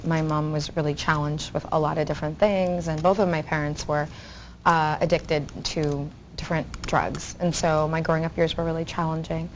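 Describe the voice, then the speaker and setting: A woman, a guest author, earnestly telling her life story in a TV interview with fillers and restarts. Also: deep voice. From Bahamas. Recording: dull audio, faint noise.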